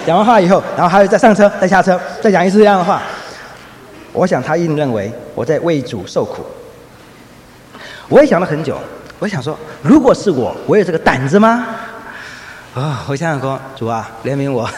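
A man preaching a sermon, telling lively anecdotes and acting out the voices of people in his stories. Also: a little high, a little fast, pauses often. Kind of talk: sermon with storytelling. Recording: echoey hall, faint ambient noise.

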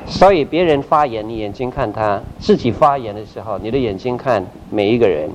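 A middle-aged man, a pastor, giving a lively church training talk and playfully acting out examples. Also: medium pitch, fairly quick. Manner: animated, playfully acts out examples. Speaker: pastor teaching group leaders. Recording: dull recording with loud background noise.

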